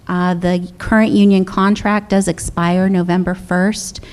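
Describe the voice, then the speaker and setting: A woman's voice: fairly low pitch, level tone, measured pace, a little mellow, clear, resonant tone. A middle-aged woman, a controller, giving a businesslike budget presentation and taking audience questions, with frequent fillers and restarts.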